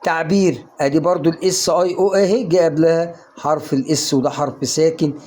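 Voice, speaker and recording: A man's voice: on the high side, steady tone, fairly quick, warm tone. An Egyptian man teaching English pronunciation in a casual online lesson, coaxing the viewer with questions he answers himself. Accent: Egyptian Arabic.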